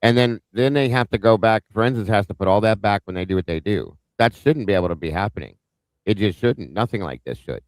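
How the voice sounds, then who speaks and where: A man co-hosts a casual livestream discussion in a very deep voice. He talks bluntly, cracks jokes and pokes fun at himself. The recording is dry and close. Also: animated, brisk, no room sound, poor audio. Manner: blunt, joking, self-deprecating. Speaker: livestream co-host.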